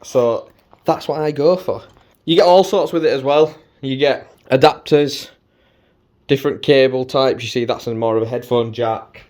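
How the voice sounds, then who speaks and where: A British man with a mid-pitched voice talks through equipment in a casual vlog style. His delivery is chatty and informal. He leans on cheeky slang as he presents. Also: normal speed, darkish tone. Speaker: motovlogger presenting gear. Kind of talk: casual chatty gear walkthrough.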